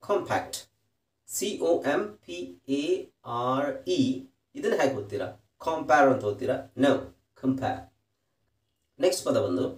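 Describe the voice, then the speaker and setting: A man teaches English pronunciation slowly and carefully, spelling each word out letter by letter. His pitch rises and falls a lot. He sounds a little far from the mic, in a room with a lot of echo. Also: a little mellow. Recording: roomy echo, distant from the mic.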